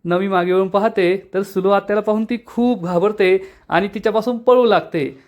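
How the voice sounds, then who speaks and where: A man's voice: high voice, normal speed, a little mellow, dull audio. A man giving a chatty, enthusiastic recap and review of a soap episode.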